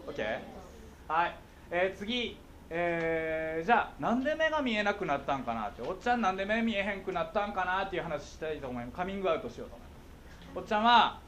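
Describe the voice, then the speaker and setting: Lively, playful Kansai-accented man. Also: fairly high pitch, slight background noise. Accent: Kansai Japanese. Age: middle-aged. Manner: playful, jokey, keeps checking understanding. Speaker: guest speaker on visual impairment. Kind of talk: talk to schoolchildren.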